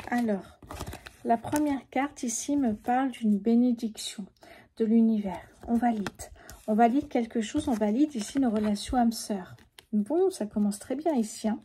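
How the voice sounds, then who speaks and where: A woman in her fifties with a sore throat, speaking softly and sometimes whispering as she lays out a tarot reading. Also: on the high side, background noise. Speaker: tarot card reader.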